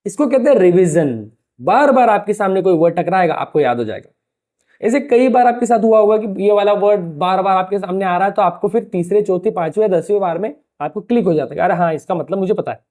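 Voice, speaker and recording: A man teaching a lesson in a relaxed, chatty tutor's way, with a mellow, darkish voice. He keeps firing rhetorical questions and calls his listeners "brother" in a familiar tone. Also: high-pitched, fairly quick. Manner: talks to the viewer like a familiar tutor. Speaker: English teacher. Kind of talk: casual explanatory lesson to camera.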